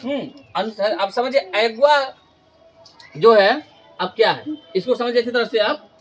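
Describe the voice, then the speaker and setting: A man's voice: very high voice, faint music behind. Man drilling students with call-and-response. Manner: repeats questions and answers in call-and-response drills; stretches key terms slowly for emphasis. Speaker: Hindi grammar teacher. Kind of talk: classroom lesson.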